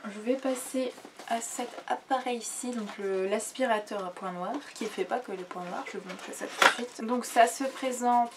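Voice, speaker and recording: A young woman chatting casually while reviewing skincare products, rambling with many fillers and restarts, sitting on her bed. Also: mid-range voice. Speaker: beauty vlogger. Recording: distant camera mic with faint room noise.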